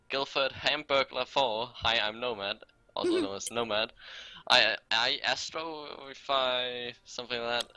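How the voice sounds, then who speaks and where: A man's voice: mid-range voice, bright, forceful tone, low-quality recording. A man co-hosting a livestream, laid-back and joking as he reads off a list of viewer names. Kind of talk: casual livestream chat, reading a list of names.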